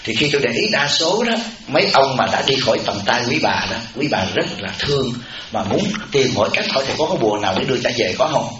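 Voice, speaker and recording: A Buddhist monk giving a sermon in a temple hall, telling humorous stories and putting questions to the audience. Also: male voice, medium pitch, sing-song, fast. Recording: echoey hall, muffled, audience noise.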